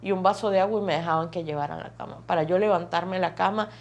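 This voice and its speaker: A woman's voice: on the low side, steady tone, fast, creaky, muffled recording. A woman gives an emotional personal testimony. She tells her story vividly, stacking phrase on phrase and repeating words for emphasis. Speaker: testimony guest.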